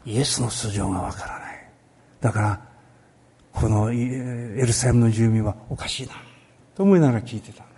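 A man giving a sermon on a Bible passage, talking in a lively way with many pauses and filler words. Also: medium pitch, slightly rough. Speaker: pastor.

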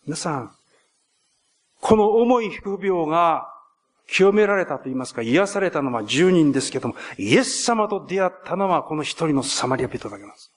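A male pastor preaching a sermon in an earnest way, rising to emphatic peaks and slowing for key points. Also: on the high side, big pitch swings.

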